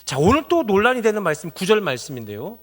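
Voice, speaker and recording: A man's voice: high voice, huge pitch swings, fast, fairly bright tone. A middle-aged male pastor preaching a Sunday sermon, who asks the congregation rhetorical questions and builds up to emphatic exclamations.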